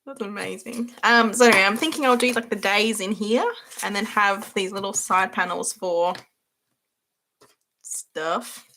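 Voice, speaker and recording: A woman's voice: mid-range voice, steady tone, unhurried, sharp tone, a little hiss or hum. A young woman hosting a casual livestream, chatting and laughing while she answers viewers by name as she works. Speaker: livestream host.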